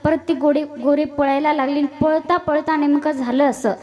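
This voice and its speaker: High-voiced woman preaching a kirtan. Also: fairly even intonation, normal speed, highs cut off. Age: young adult. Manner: sings devotional verses, then tells a humorous folk story acting out characters' shouts. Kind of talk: devotional kirtan sermon with song and storytelling.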